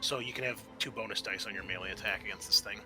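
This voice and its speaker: Against background music, a man runs a tabletop role-playing game as its game master, haltingly walking through the action and rules. His voice is on the low side, with a steady tone.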